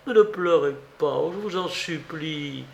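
A man's voice: fairly high pitch, unhurried, gravelly, dull audio. A man reading a storybook who voices a desperate, tormented young female servant with anguished, pleading outbursts.

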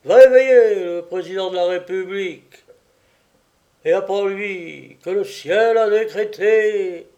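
A man's voice: high-pitched, slow, dark tone, lo-fi sound, voice pushed up. A man doing a drunk pompous mock archangel. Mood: mock-solemn. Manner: solemn, pompous and slightly slurred.

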